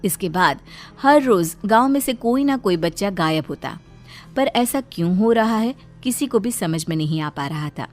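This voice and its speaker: A woman's voice: medium pitch, animated, moderate pace, darkish tone, soft background music. A woman narrator reading a scripted children's story.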